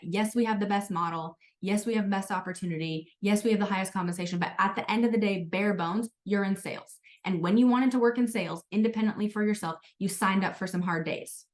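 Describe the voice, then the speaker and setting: A woman's voice: mid-range voice, quick pace, few pauses. A woman leading a sales team training, telling stories in a chatty, motivational way with lots of filler words. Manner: chatty, storytelling, frequent "like" and "guys". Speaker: sales team leader hosting a training call.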